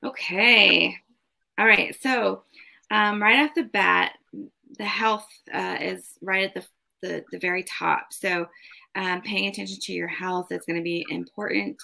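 A woman's voice: medium pitch, fairly even intonation, measured pace, creaky, pushed and bright. A woman giving a casual spoken card reading as host, advising in an emphatic, repetitive way. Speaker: tarot card reader and host.

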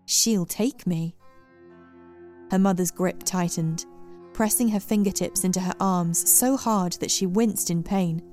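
Female narrator for a dark fairy tale, measured and dramatic, mellow tone, faint music bed. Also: fairly low pitch. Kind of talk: scripted storybook narration.

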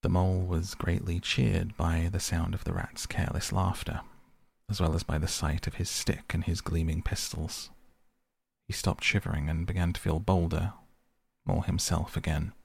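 Deep, gravelly male storyteller. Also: level tone, normal speed, dry recording. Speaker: narrator. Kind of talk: storybook reading.

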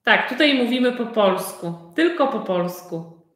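A woman's voice: on the high side, expressive, unhurried, a bit bright, reverberant. A woman teaching a live online conversation class, speaking in simple sentences and repeating her questions for learners.

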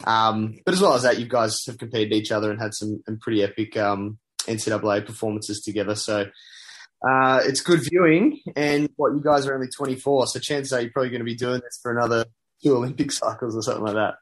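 A man's voice: medium pitch, fairly even intonation, quick pace, slight background noise. A man hosting an interview, asking questions in a hesitant way with many fillers and restarts. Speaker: interviewer, host. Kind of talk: casual interview.

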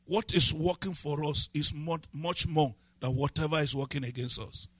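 A man preaching a sermon as pastor, building from calm scripture reading to shouted, sing-song emphasis. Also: a little high, normal speed, breathy edge, dry recording.

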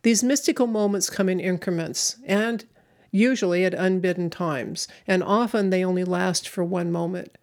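A woman giving an inspirational spiritual talk in measured, reflective short phrases. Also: lowish voice, steady tone, a little mellow. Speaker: spiritual speaker.

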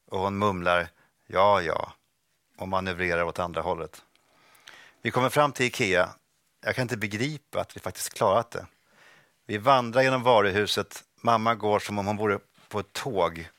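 A man reading a first-person passage from his own book aloud, slow and restrained, over a video call. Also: fairly low pitch, bright, forceful tone, no echo, clean studio sound.

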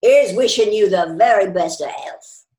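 A stubborn old pub regular who grumbles about beer and the past, as a woman reader puts him on. He pushes his voice higher and louder than the narration, gruff and pugnacious. The recording has a roomy echo. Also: measured pace. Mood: grumbling.

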